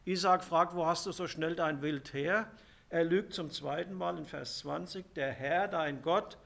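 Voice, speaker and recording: Male preacher, fairly high gravelly voice, slow, emphatic sermon delivery. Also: fairly bright tone. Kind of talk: sermon on scripture.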